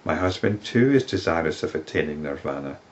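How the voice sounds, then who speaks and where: A man's voice: rumbling low, animated, brisk, dull audio, slight background noise. A man reading out the words of an imploring woman seeker from a sacred text, in earnest recitation. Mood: pleading.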